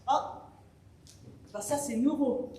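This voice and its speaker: A performer playing a sarcastic, grumbling grown son with mocking quips, in an amateur stage play. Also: female voice, high voice, takes it slowly. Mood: sardonic. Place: theatre stage. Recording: echoey hall from far off, loud noise.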